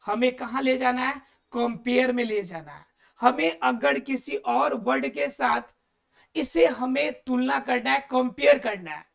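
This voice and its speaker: A woman's voice: high-pitched, vocal fry. A woman teaching an English grammar lesson, explaining step by step. She keeps asking and answering her own questions and repeats the key words.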